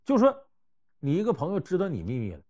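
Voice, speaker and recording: Animated male storyteller. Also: fairly high pitch, quick pace. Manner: animated, conversational, swings between loud and hushed. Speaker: storyteller giving life advice. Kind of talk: anecdotal storytelling talk.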